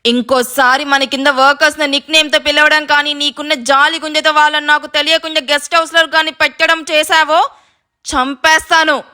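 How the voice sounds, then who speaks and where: Storybook villain: a woman playing a ruthless rich man, menacing, commanding, bright tone. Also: sits high, steady tone, moderate pace. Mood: furious.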